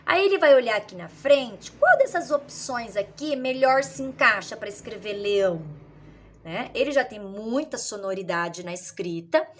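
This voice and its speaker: A woman teacher, explaining literacy activities in a lively way and acting out children's answers. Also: a little high, normal speed, slight background noise.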